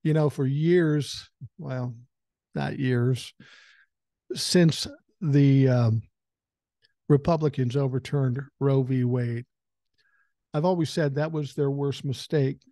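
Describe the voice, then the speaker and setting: Speaking slowly with long pauses, this sixty-something podcast host has a steady, mellow, medium-pitched voice and a common cold. He delivers a blunt, conversational political monologue with occasional swearing from a home room with a couch behind him. The recording is dry, made on a large foam-covered dynamic mic held close to the mouth.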